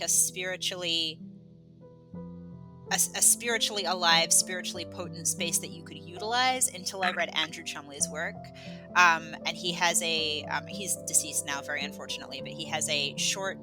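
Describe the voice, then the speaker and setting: A woman's voice: low voice, poor audio. A woman from England, raised in Australia, chatting as a podcast guest in a rambling, self-deprecating way with lots of fillers and restarts. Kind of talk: casual conversational interview.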